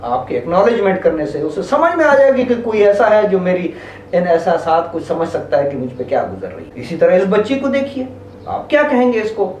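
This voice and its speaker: A man's voice: sits high, big pitch swings, brisk, a little mellow, a little hiss or hum. A man teaching parents in an earnest way, asking rhetorical questions as he explains. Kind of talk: instructional talk to parents. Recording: echoey room, voice from a distance.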